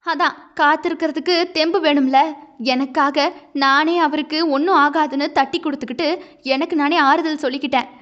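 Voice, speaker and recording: A woman's voice: high-pitched, fairly even intonation, normal speed, a bit bright, muffled recording. A woman voicing a grieving young wife, impassioned and pleading through tears. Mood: tender.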